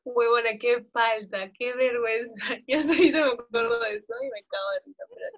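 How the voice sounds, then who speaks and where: A young woman with a high, bright-sounding voice co-hosts a casual chat podcast. She tells her stories in an animated way and keeps breaking into laughter. Her delivery is loose and conversational. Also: brisk, lo-fi sound. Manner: laughs often while telling stories, animated. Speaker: podcast co-host.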